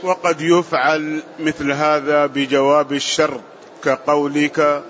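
A man reading passages of a classical text aloud in a lesson, in a steady, formal recitation. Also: a little high, a little slow. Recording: muffled lo-fi audio with faint hiss.

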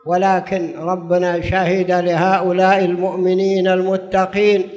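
A man's voice: high voice, darkish tone. A man giving a religious lesson as a preacher, speaking formal Standard Arabic and explaining with repeated phrases. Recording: long hall reverb.

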